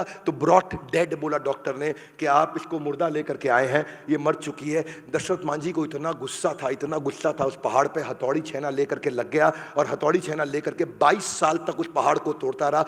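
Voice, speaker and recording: A man's voice: fairly high pitch, fairly even intonation, moderate pace, few pauses, breathy edge, in a large hall. A man giving a motivational seminar speech to a live audience, emphatic and repetitive, urging listeners to join in. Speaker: motivational speaker. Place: large hall with live audience.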